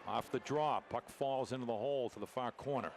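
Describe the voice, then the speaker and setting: Calling live hockey from a noisy arena, a male commentator rattles off the action in clipped phrases at a slightly fast pace. His mid-range voice is creaky, and rink ambience fills the background of the broadcast.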